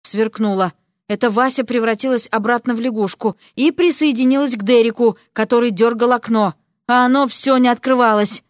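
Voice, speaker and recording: Woman, audiobook narrator, expressive storybook reading, high voice, dry studio sound. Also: a little fast, no room sound.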